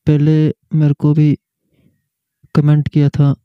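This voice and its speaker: Man, slightly high voice, monotone, slow step-by-step keyboard lesson, muffled lo-fi audio. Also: clean tone, no echo. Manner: explains slowly, reading out settings one by one. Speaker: keyboard tutorial host. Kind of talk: casual step-by-step tutorial.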